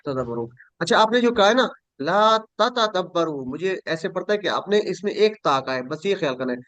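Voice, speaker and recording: Man, high voice, patient teacher, slow repeated drills, dry close sound, video call. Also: expressive, fairly bright tone, dry recording. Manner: patient, repeats word forms slowly and corrects students. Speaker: Quran Arabic teacher. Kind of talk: online class drilling verb tables.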